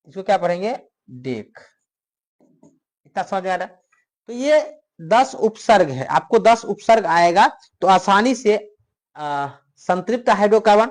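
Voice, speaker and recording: A male teacher with a north Indian Hindi accent, giving a chemistry lecture that repeats each question and answers it himself for the class. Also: sits high. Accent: Hindi-speaking north Indian. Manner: repetitive question-and-answer drilling.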